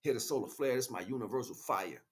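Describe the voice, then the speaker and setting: Talking fast in a mid-range voice, this American spiritual livestream host preaches in street slang. His off-the-cuff monologue to listeners is preachy and leans on repeated phrases for emphasis.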